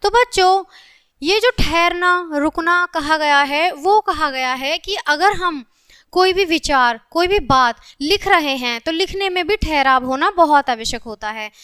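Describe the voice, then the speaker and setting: Woman teaching kids grammar, high bright voice, dry close sound, keeps checking in with the class. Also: expressive, unhurried, no room sound. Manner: repeats "ठीक है" as a check-in, reads example sentences aloud. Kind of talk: classroom grammar lesson for children.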